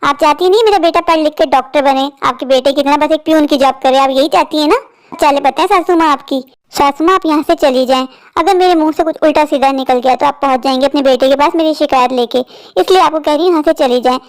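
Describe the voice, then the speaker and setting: A woman's voice: high voice, fast, natural voice. A woman voicing an argumentative daughter-in-law who quarrels with her mother-in-law in a cartoon. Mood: angry. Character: scolding middle-aged daughter-in-law, sharp-tongued.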